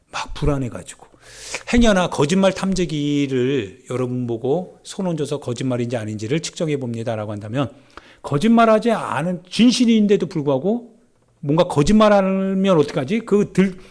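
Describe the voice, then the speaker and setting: A male pastor delivering a Sunday sermon in an animated, conversational way, at times dropping to a soft near-whisper. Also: fairly high pitch. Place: church sanctuary.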